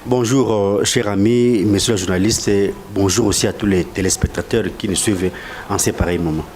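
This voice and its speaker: A man's voice: fairly low pitch, fairly even intonation, normal speed, darkish tone, slight background noise. A man from DR Congo with a Congolese French accent, speaking as an official in a live outdoor interview, emphatic and accusatory, often repeating words and hesitating.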